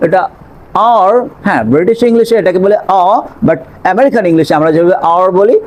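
A man teaching English letter sounds, repeating each sound slowly for learners. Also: sits high, darkish tone, poor audio. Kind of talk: spoken language lesson.

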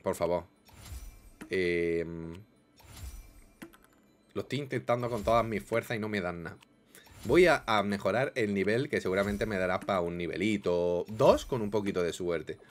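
A young man commenting casually on a game, swinging between mock despair and loud excitement. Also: lowish voice, moderate pace, pauses often. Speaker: gaming YouTuber.

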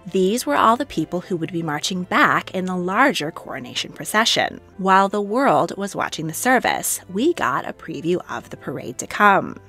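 History vlog host, woman, bright lively voice-over with light music behind. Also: lowish voice, normal speed, hardly any pauses. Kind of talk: scripted voice-over narration.

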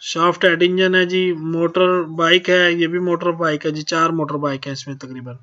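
A man's voice: a little high, little pitch movement, normal speed, a bit bright, highs cut off. A man hosting his own channel, plainly reading out auction notices and tacking a polite "ji" onto most sentences. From Pakistan. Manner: plain, repeats "ji" often. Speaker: channel host.

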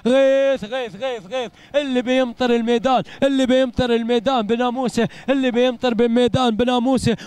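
A man with an Emirati accent calls a race live in a very high, clear voice. He talks fast and stays excited, firing off repeated phrases in chanting bursts. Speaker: camel race commentator.

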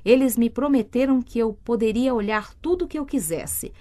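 Woman voicing a raspy monster-father, threatening, broken phrasing, audiobook. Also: a little high, normal speed, warm tone, voice pushed up, close to an everyday voice. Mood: menacing. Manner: threatening, faltering. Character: raspy possessed father, a menacing thing.

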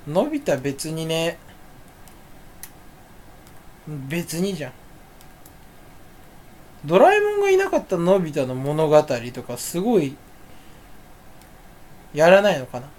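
A man talking to himself in a rambling solo monologue. He is self-mocking and erratic, swinging from loud outbursts to low mutters. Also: sing-song, slow, pauses often. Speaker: solo talk channel host.

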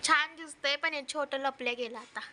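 High-voiced young woman presenting, noisy background. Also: normal speed. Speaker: daughter, co-vlogger. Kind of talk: casual vlog narration to camera. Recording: loud background noise.

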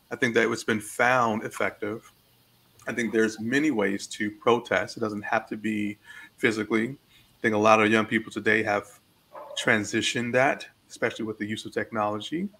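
A man co-hosting a discussion podcast, talking in an animated, opinionated way with joking asides. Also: fairly low pitch, normal speed, vocal fry, breathy edge, rough recording. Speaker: podcast co-host.

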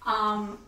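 A woman's voice: mid-range voice, sharp tone. A woman who runs tabletop games, chatting casually at a tea table and laughing often as she tells stories. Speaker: game master and show host. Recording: very echoey room, mic far off.

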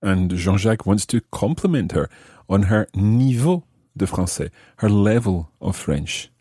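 A man's voice: lowish voice, lively intonation, a little slow, mellow, breathy edge, no echo, clean studio sound. A man hosting a podcast grammar lesson, explaining patiently and step by step. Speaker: language teacher.

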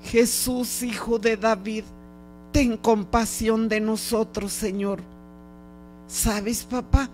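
Over background music, a prayer leader offers a fervent, extemporaneous devotional prayer made of short, pleading, repeated phrases. The voice is medium in pitch, steady, slightly mellow, and slow.

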